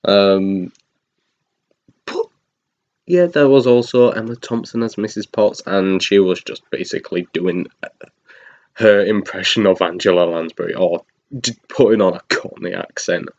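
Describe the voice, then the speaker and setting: A man with a very deep voice talks through a film review in a loose, rambling way, full of ums, restarts and little chuckles. The recording sounds dull and lo-fi. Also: a little slow, a little mellow. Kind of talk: casual spoken review.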